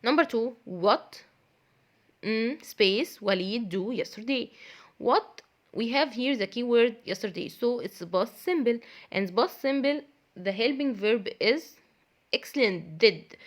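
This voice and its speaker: A woman's voice: a little high, expressive, unhurried. A woman teaching a primary school English lesson, who repeats key phrases, quizzes her pupils and praises their answers. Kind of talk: classroom grammar lesson.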